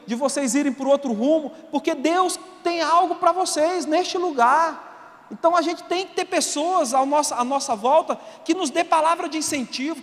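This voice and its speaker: High-voiced Brazilian pastor in a reverberant hall. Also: male voice. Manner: animated and colloquial, shifting from soft to shouting. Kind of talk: sermon. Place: church auditorium. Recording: long reverb of a large hall.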